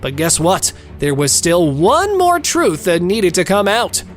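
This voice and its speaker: A woman's voice: on the low side, huge pitch swings, a little slow, faint music behind. A woman narrating a scripted recap of a reality court show in a gossipy, theatrical, cheeky way, playing up the melodrama.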